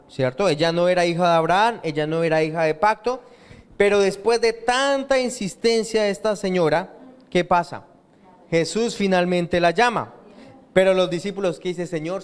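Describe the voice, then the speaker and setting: A male pastor preaching a sermon and often pausing to ask the congregation to fill in words. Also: sits high. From Colombia. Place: church hall. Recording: reverberant church hall.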